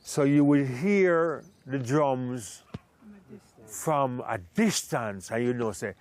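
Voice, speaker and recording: Slow-paced Jamaican man in Rasta speech. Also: mid-range voice, a little mellow. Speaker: Rastafari interviewee. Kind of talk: storytelling in a documentary interview.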